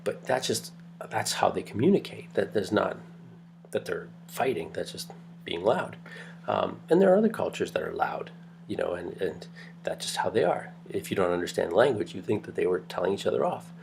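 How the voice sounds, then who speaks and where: Male lecturer, deep and gravelly, talking in a low, chatty way over faint noise. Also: sing-song, moderate pace. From Greece heritage. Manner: rambling, conversational, many fillers and restarts; kept quiet, late at night. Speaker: anthropology lecturer. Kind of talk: recorded online lecture. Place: home at night.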